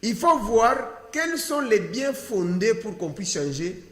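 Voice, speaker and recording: This political debate interview features a male panel guest with a Congolese accent, whose high, sing-song voice moves slowly. He is didactic and emphatic, leaning on rhetorical questions, and the long reverb of a hall-like room surrounds him.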